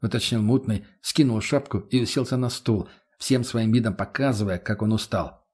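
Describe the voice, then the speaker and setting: A man narrating an audiobook in the first person, gruff, blunt and deadpan. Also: on the low side, moderate pace.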